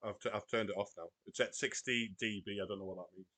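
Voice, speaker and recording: A man's voice: on the low side, steady tone, quick pace, crowd noise. A British man hosting a casual online podcast. He talks in a loose, rambling manner and drops in cheerful swearing. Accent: British English. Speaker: podcast host reading stories. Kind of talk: casual chat.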